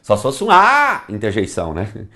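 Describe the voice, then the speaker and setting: Animated man teaching grammar. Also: lowish voice, normal speed. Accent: Brazilian Portuguese. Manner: theatrical, talks to the class directly and repeats phrases in a singsong. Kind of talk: animated classroom lecture to camera.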